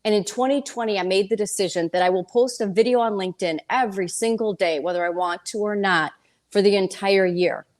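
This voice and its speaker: This real estate broker and speaker in her fifties talks a little fast in a medium pitch during a casual, candid interview. Her storytelling is lively and colloquial, full of quotes from herself and others.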